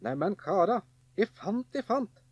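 A man voicing a cheerful, easygoing young lad in a folk tale who shouts gleefully over everything he finds. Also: medium pitch, sing-song, dry recording. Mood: gleeful shouting.

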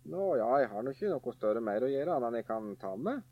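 A man voicing a cheerful, easygoing young lad in a folk tale who shouts gleefully over everything he finds. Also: mid-range voice, sing-song, no echo, narrow, tinny audio.

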